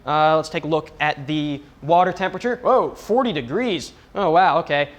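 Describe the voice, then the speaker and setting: A man's voice: fairly high pitch, steady tone, fairly quick. A young man presenting the weather as a stand-in, in a goofy, self-mocking, mock-serious manner. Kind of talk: comic weather segment.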